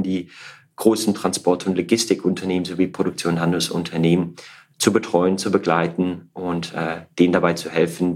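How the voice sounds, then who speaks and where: A man's voice: deep voice, slightly rough. A middle-aged man from Belgium, a podcast guest, explaining things at length with frequent filler sounds. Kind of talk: casual podcast interview.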